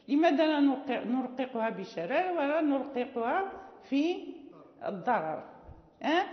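A woman teaching the rules of Quran recitation, explaining patiently and repeating examples slowly with many pauses and fillers. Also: high-pitched. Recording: roomy, reverberant, dull lo-fi recording.

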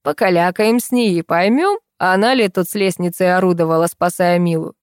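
A woman's voice: lowish voice, brisk, clear, resonant tone, no echo, lightly acted. Woman as an unflappable sly man, drawling, teasing, sarcastic, dry close sound. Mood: mocking.

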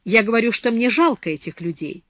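A woman's voice: fairly high pitch, animated, a little fast, a bit bright, no echo, studio quality, voice pushed up. A woman reading an audiobook, voicing a proud young aristocratic woman who speaks with emotional indignation. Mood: indignant.

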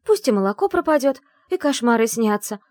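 Woman reader as a young noble lady, high and pleading, defiant; storybook; dry close sound. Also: animated, brisk, a little mellow, no echo, lightly acted.

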